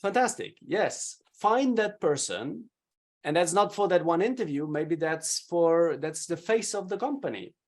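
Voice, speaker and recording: A fairly high-pitched man talks as a video presentation coach in an interview. He is energetic and emphatic, his loudness rising and falling as he stresses his points. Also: a little slow. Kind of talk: conversational interview answers.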